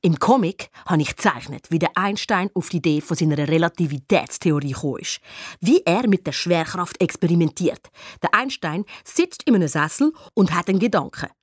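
Expressive woman reading a children's book. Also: fairly low pitch, a little fast, breathy edge, no echo, clean studio sound. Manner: expressive, playful storytelling. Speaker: audiobook narrator. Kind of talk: children's audiobook narration.

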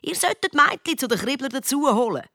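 A woman's voice: sits high, big pitch swings, quick pace, sharp tone, no room sound, studio quality, voice pushed up, heavily acted. A woman with a Swiss German accent voicing a friendly male teacher in a storybook, chatty and coaxing.

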